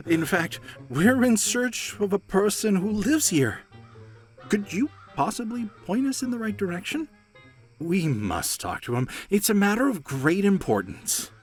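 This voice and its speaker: Man doing a dramatic wizard guy, doom-narrator voice, slow and swoopy. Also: high voice, very animated, soft background music. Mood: polite. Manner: grandiose, ominous storytelling tone. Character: theatrical male wizard companion who loves dramatic narration. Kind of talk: comedic fantasy audio drama.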